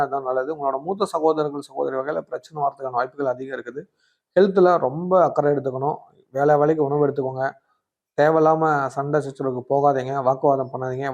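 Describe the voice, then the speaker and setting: Fast, chatty astrologer man. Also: on the high side, a little mellow, highs cut off. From Tamil Nadu, India. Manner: chatty, scolding yet coaxing, asks rhetorical questions. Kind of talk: weekly horoscope talk to camera.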